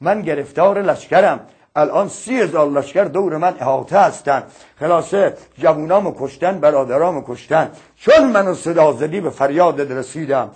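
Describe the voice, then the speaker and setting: A man voicing a wounded holy martyr who speaks softly and gravely in a recited religious tale. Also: a little high, animated. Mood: sorrowful.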